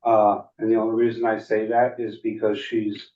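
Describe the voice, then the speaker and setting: A man's voice: fairly low pitch, completely flat delivery, normal speed. A man speaking at a public board meeting, hesitating and restarting his sentences. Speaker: board member. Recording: distant echoey phone-like audio.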